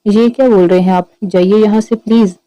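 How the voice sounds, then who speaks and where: A woman voicing a shy, gentle young woman in love who speaks hesitantly. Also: medium pitch, fairly even intonation, a little fast, dry recording, close to an everyday voice, poor audio.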